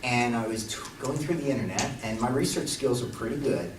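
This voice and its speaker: A man's voice: mid-range voice, brisk. A man on a conference panel speaking earnestly and enthusiastically about hypnosis training. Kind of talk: panel talk. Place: conference hall. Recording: echoey hall, distant mic, background noise.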